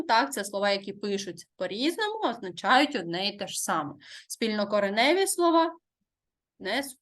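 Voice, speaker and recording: A woman teaching a primary school language lesson. She speaks slowly and carefully, as in dictation, and asks questions that she answers herself. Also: a little high, a bit bright. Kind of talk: online Ukrainian language lesson.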